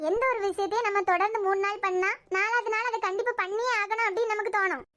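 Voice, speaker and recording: A woman's voice: very high voice, a bit bright. A woman voicing a blunt, protective young friend in a cartoon series, lecturing firmly with a Kanyakumari Tamil accent. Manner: firm, lecturing.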